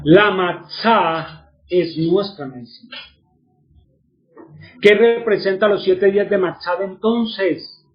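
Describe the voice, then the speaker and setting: Male religious teacher, high voice, lo-fi sound, asks questions and answers them himself. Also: slow pace, pauses often.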